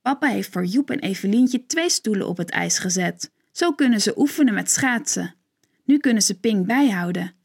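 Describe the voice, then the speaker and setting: A woman narrating a children's story in a gentle, clear storytelling manner. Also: medium pitch, lively intonation, moderate pace.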